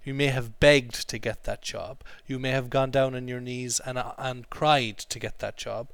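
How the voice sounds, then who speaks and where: A man's voice: mid-range voice, steady tone, normal speed, gravelly, fairly bright tone, clear, resonant tone, no echo. A man teaching an English class, explaining vocabulary and drilling pronunciation with repeated phrases. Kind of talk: classroom language lesson.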